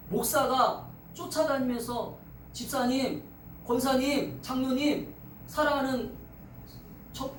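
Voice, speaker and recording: A man's voice: very high-pitched, recorded from a distance, slight background noise. A man preaching a revival sermon as pastor, leading the congregation in call-and-response and rising into fervent exhortation. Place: church sanctuary. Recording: echoey church from off-mic.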